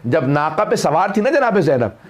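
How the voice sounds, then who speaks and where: A man's voice: on the high side, big pitch swings, normal speed. A male preacher reciting a mourning sermon, telling the story with passion that swells into tearful cries.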